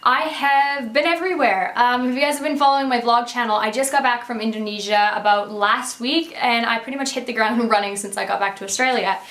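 A woman's voice: fairly high pitch, brisk, few pauses, fairly bright tone, roomy sound. A young woman from Canada, a beauty vlogger, chatting casually to the camera from her room in a bubbly, rambling way. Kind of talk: casual catch-up chat to camera. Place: bedroom beauty room, indoors.

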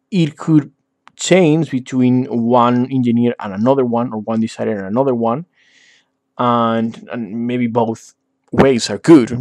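A man who learned as an explains a beginner exercise as he records his screen. His mid-range voice sits close and dry on a desk mic, and he keeps pausing with "uh" and asking "okay?" as he goes. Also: mid-range voice, darkish tone, no echo. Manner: frequent "okay?" check-ins and "uh" fillers. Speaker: tutorial instructor. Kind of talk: screen-recorded software tutorial.

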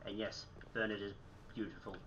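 A young gaming host talks fairly quickly in a lowish voice with little pitch movement, the highs cut off and a noisy background behind him. He sounds slightly phlegmy, as though sick, chatting casually over gameplay from a small room at home. Chatty and self-mocking, he often clears his throat.

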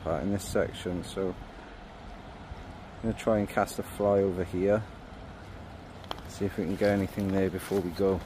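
Filming himself at arm's length with a phone or action camera by a river, a fishing vlogger in his thirties narrates casually at a moderate pace, with long pauses. His voice is lowish and his talk relaxed and rambling, full of ums, with a faint outdoor hum in the background.

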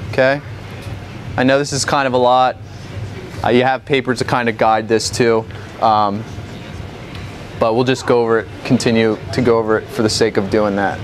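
A man's voice: medium pitch, fairly even intonation, normal speed, long pauses, faint music behind. A young man giving a classroom-style lesson in a bowling alley, explaining step by step and checking in with the class after each point. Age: young adult. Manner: patient, step-by-step, checks in with "okay?" often. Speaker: instructor. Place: large indoor bowling alley. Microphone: far camera.

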